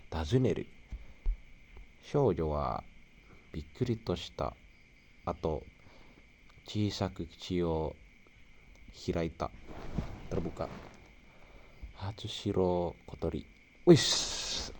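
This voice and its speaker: A young Indonesian man with a low, gravelly voice and a dark, mellow tone reads a novel aloud to himself. He works through the Japanese with an Indonesian accent, thinking aloud, trailing off and repeating words. A faint room hum sits behind him. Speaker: language learner. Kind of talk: reading a novel aloud and musing.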